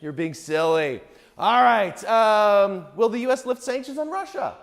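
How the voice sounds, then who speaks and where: A man with a high, expressive voice speaks unhurriedly. He's a political science lecturer giving a public talk, conversational and sarcastic, often checking in with the audience. The recording has an echoey hall sound with long reverb.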